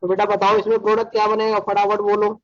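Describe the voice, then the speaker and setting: A man teaches a chemistry lecture with a high-pitched voice. He sounds brisk and scolding as he keeps pushing his students to answer quickly. The recording is dry and dull, with a lo-fi edge. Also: monotone, a bit bright, no room sound.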